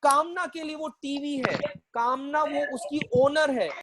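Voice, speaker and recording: A man's voice: very high-pitched, a little slow, a loud crowd, low-quality recording. A man teaching an online accounting class, mixing Hindi and English, joking with his students and repeating phrases as he quizzes them.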